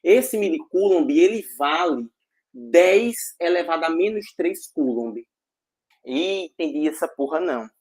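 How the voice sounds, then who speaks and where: A man teaching a physics class online, energetic and jokey, full of slang and check-ins with the students. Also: on the high side, unhurried.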